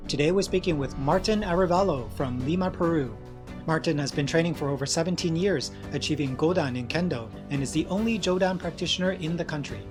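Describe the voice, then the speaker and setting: A man hosting a podcast reads his scripted introduction at an even, measured pace. His voice sits at a middle pitch, and music plays clearly underneath it. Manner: read from a script, evenly paced. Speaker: podcast host.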